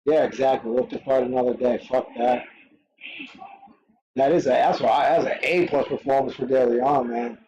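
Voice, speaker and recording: Excitable man reacting to a fight. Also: medium pitch, moderate pace, highs cut off. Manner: excitable, swears freely, reacts in short bursts. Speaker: live stream host reacting to a fight. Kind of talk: casual live watch-along commentary.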